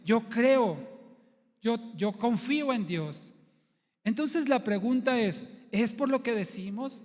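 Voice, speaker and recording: A man's voice: high voice, long reverb tail. A man preaching a sermon as pastor in a church, teaching through a string of rhetorical questions.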